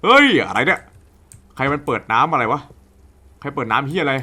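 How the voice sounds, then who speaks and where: A man's voice: medium pitch, animated, a little fast, pushed and bright, husky. A young man casually commenting on a horror game, swearing a lot and shrieking and laughing at the scares. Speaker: gaming YouTuber. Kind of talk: horror let's play commentary.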